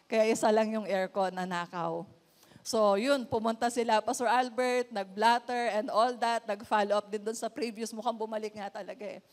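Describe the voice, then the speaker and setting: Filipino lady pastor telling her story in a sermon, kinda high voice, big hall echo. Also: fairly even intonation, moderate pace. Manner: mixes English and Tagalog, emotional storytelling. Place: church hall. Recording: long church hall reverb.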